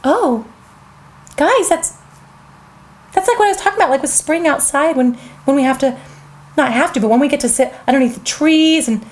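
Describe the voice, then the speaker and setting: A woman hosting a children's show, reading a picture book aloud with a bubbly, childlike manner, full of excited gasps and chatty asides to the young viewers. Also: high-pitched, normal speed, long pauses.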